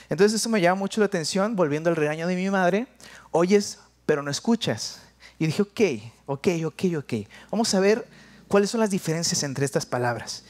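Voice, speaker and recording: A young Mexican man with a Jalisco accent, preaching a sermon in a conversational, playful way, dropping to quiet asides. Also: sits high.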